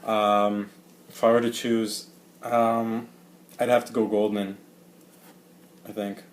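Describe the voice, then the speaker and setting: A man co-hosting a casual sports chat, laid-back and quick to chuckle, with a slight lisp. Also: lowish voice, level tone. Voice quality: slight lisp from rubber bands in his mouth. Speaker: co-host.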